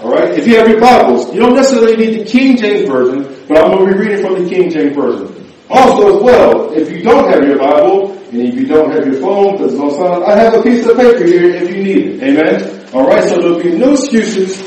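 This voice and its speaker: Brisk and mellow, a high-voiced preacher with lively intonation jokes with his congregation and regularly asks them "amen?" and "right?" The recording comes from a distant mic in an echoing church hall.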